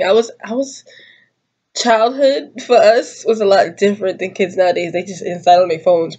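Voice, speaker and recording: This YouTuber, a woman in her 20s, films a tag video in a small room at home, talking casually and giggly in a slangy ramble, her voice a little congested from a cold. The mid-range voice sounds darkish, and the recording is lo-fi.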